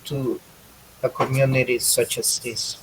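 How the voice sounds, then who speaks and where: Slow, halting bilingual man podcaster. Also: medium pitch, level tone, a little hiss or hum, rough recording. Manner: slow, halting, many ums, switches into Spanish to repeat points. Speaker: podcast co-host. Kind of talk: casual bilingual podcast chat.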